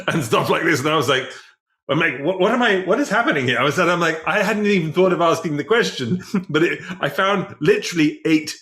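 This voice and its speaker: A man's voice: a little high, fairly bright tone. A man co-hosting a podcast, asking rambling questions in a casual interview chat. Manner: rambling, halting restarts. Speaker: podcast co-host.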